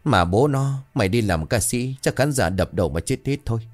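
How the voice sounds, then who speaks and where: Blunt young apprentice lad voiced by a male narrator, lively delivery. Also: medium pitch, fairly quick, voice pushed up, natural voice. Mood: nervous teasing. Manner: blurting, teasing.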